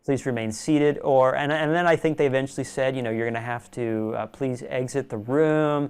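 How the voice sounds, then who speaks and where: A young man, a magician guest in a casual interview, telling animated stories and laughing often. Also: mid-range voice, moderate pace, smooth. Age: young adult.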